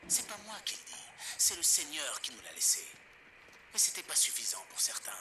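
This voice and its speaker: A man's voice: fairly high pitch, very animated, brisk. A man voicing a self-righteous, resentful survivalist who preaches his grievances on pirate radio in a video game. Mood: righteous resentment. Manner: preachy, grievance-laden broadcasting. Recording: clear background noise over game ambience.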